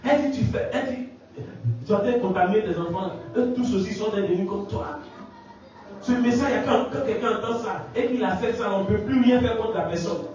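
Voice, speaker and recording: Shrill possessed young woman, accusing and strained, put on by a male preacher; echoey hall, distant mic. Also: normal speed, darkish tone, dull audio, faint music behind, lightly acted. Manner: high, strained, scolding.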